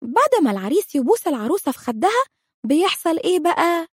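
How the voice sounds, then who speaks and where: A woman's voice: very high-pitched, sing-song, fast talker, dry recording, studio quality, pitched above the performer's own voice. A woman voicing a confident little girl who explains grown-up things matter-of-factly, with an Egyptian Arabic accent. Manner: self-assured, matter-of-fact.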